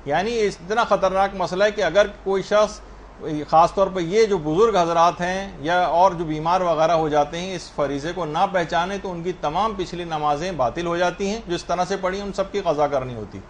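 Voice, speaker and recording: A man's voice: sits high, a little hiss or hum. A man giving a religious lesson on prayer rulings, explaining step by step and answering questions he raises himself. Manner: spells out correct pronunciation slowly. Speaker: religious teacher.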